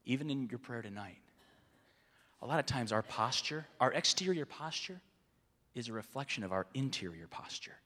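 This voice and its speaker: A man delivers a sermon at a middle pitch, sinking to near-hushed lines and then climbing to loud, emphatic ones. His voice carries the long reverb of a large hall. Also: animated, moderate pace. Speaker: preacher.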